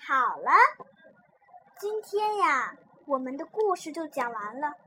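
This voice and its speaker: A woman reading a children's story aloud in a lively, expressive way. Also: high voice, slow pace, a little hiss or hum.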